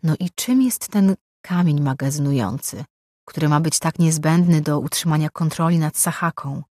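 A woman reading a fantasy audiobook in a calm, measured way. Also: low voice, no room sound, studio quality. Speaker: audiobook narrator. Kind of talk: scripted audiobook narration.

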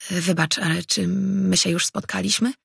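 A narrator voicing an earnest male mage who travels between worlds, read as an audiobook character in a measured way. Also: medium pitch, fairly even intonation, vocal fry, a bit bright, breathy edge, no room sound, clean studio sound, exaggerated voice.

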